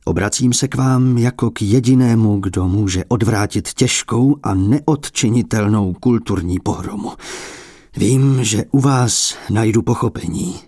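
A man's voice: fairly low pitch, mellow, dry recording, studio quality. A man doing a polite, coaxing collector. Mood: earnest, coaxing. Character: courteous male art collector pleading with abbot.

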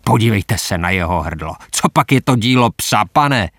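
A man's voice: fairly low pitch, animated, a bit bright, no echo, clean studio sound. A man reading a story, voicing a frightened, superstitious soldier who talks anxiously and insistently. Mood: uneasy.

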